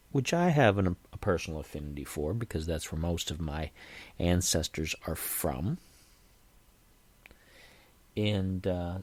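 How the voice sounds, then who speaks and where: A man with a low, lively voice talks through a casual podcast monologue, wandering off on tangents and correcting himself as he goes. He keeps stopping to reassure listeners that he means no offense. The sound is dry and close, with no room to it. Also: dry recording. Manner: chatty, digressive, often restarts and self-corrects; earnest, reassuring asides to listeners. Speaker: podcast host.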